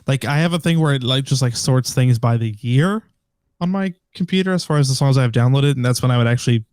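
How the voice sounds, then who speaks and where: A man's voice: medium pitch, fast, darkish tone, no echo, studio quality. A man in his late twenties co-hosting a podcast, rambling with lots of "like"s and casual swearing. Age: late 20s. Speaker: podcast co-host. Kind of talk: casual chat.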